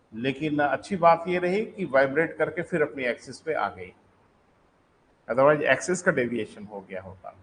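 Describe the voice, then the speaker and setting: A male teacher in a live online class, his voice sitting a little high. He talks to his students in a chatty way, calling them "beta" and repeating sentences slowly for note-taking. Faint background noise runs underneath. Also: poor audio. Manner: explains then repeats sentences slowly for dictation; addresses students as "beta", conversational asides.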